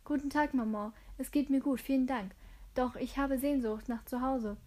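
A woman's voice: high-pitched, steady tone, normal speed, dark tone. A woman voicing a cheerful, playful young adult daughter who teases and giggles, in an audiobook reading. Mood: teasing. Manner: giggly, teasing.

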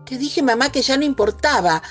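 A woman's voice: expressive, brisk, faint music behind. A woman voicing a pleading, mischievous little girl with a Rioplatense accent, whiny and insistent. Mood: wheedling. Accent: Rioplatense Spanish. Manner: whiny, insistent, high-pitched.

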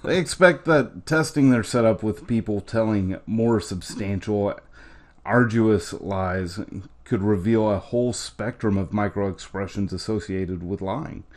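Lowish voiced guy reading news out on a chat show, dry jokes. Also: a little slow, a little mellow. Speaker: co-host.

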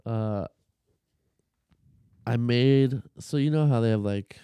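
A man's voice: medium pitch, slow pace, warm tone, smooth, no echo. A man on a casual podcast, telling a long story with profanity, fillers and restarts. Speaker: podcast co-host.

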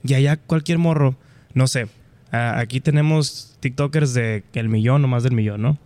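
A man's voice: medium pitch, normal speed, darkish tone. A man with a Sonoran, northern Mexican accent hosting a casual chat, explaining and telling stories in colloquial slang. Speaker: podcast host.

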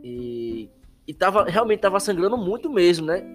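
A man's voice: high voice, big pitch swings, moderate pace, over music. A young man, a podcast guest, tells a personal story in casual chat, rambling, repeating himself and laughing along the way.

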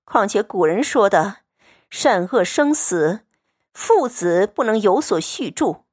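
A woman's voice: medium pitch, animated, slow pace. A woman voicing a cold, aloof young noble girl who speaks with scorn. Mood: cold scornful. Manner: scornful, lecturing.

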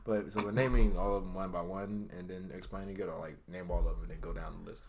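A man's voice: sits low, steady tone, fast, background noise. A young American man co-hosting a casual anime chat, talking in slangy, joking, teasing phrases. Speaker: podcast co-host.

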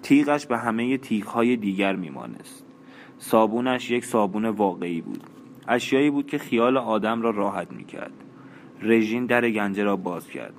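A man reads a novel aloud in a measured, even style. His voice is low and steady. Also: a little hiss or hum. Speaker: narrator. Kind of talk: audiobook narration.

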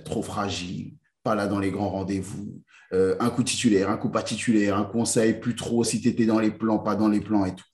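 A man's voice: fairly low pitch, a little mellow. Interviewer man in a roomy echo. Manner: builds long, structured questions. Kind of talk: interview questions.

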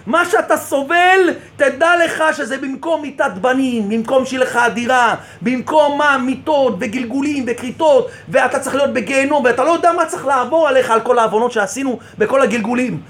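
A rabbi giving an impassioned sermon, asking rhetorical questions and repeating phrases for emphasis. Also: male voice, extremely high pitch, few pauses, a bit bright.

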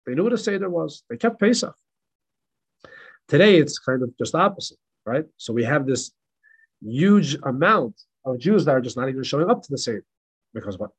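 A man, a rabbi, teaching a Passover class with animated, emphatic repetition and stories. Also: medium pitch, moderate pace, breathy edge, low-quality recording. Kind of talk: Passover class reading and storytelling. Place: synagogue in El Paso.

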